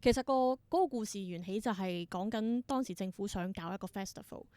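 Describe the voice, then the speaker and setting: A young adult Hong Kong woman with a Cantonese accent talks reflectively as a guest in a casual interview, blending in English words; she works as a theatre performer and creator. Her mid-range voice is mellow and fairly quick, with no room sound.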